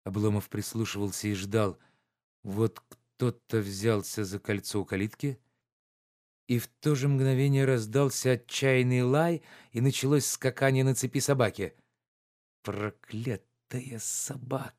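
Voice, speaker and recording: A man narrating a classic novel in an even, measured reading. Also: medium pitch. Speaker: audiobook reader.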